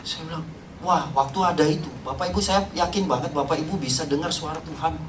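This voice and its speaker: A middle-aged man giving an emotional church testimony, speaking straight to the congregation and sometimes dropping to a hush. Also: on the high side, fast, noisy background. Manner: impassioned, addresses the congregation directly, drops to hushed tones. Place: church hall. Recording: roomy hall, voice from far off.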